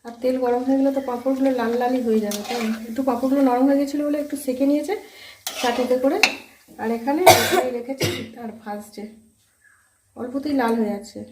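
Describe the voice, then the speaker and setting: A hoarse woman chatting casually to her viewers as friends while cooking at home. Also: high voice, fairly even intonation, quick pace, echoey room, noisy background. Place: home kitchen. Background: frying and sizzling.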